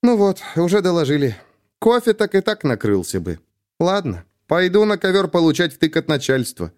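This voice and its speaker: A man's voice: fairly high pitch, sing-song, normal speed, a little mellow, voice pushed up. A man voicing a weary young female police officer who speaks wryly in an audiobook. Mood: wry resigned. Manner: wry, resigned. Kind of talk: audiobook character voice.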